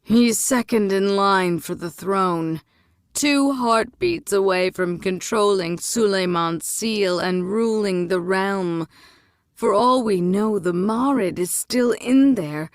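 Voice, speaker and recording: A woman's voice: lowish voice, slow pace, a little mellow, dry recording, studio quality. A woman reading the part of a blunt young prince and worried elder brother, speaking urgently and insistently.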